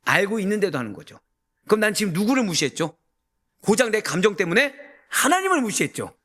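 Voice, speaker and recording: A man preaching a sermon as a pastor, emphatic and full of rhetorical questions to the congregation, rising to near-shouts. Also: high-pitched, very animated, quick pace.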